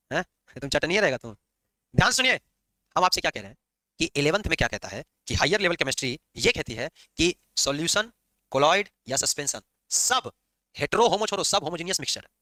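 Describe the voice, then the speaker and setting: A man teaching chemistry in a classroom lecture, lively and teasing his students as he explains. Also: a little high, dry recording. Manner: lively, scolding and joking with students.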